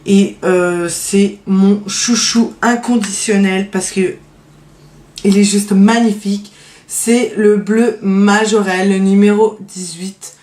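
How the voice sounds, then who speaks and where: A woman's voice: mid-range voice, steady tone, slow pace, darkish tone, echoey room. A woman beauty vlogger casually showing her favorite nail polishes, hesitant with lots of fillers but enthusiastic about her favorites. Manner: hesitant, many fillers and trailing "donc voilà". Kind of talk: casual show-and-tell vlog.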